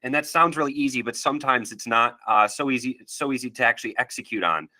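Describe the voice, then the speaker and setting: A man presenting a live webinar, his voice nasal and stuffy from allergies. His delivery is casual and friendly, with plenty of ums and small restarts. The tone stays bright and clear. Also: medium pitch. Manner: casual, friendly, halting with fillers.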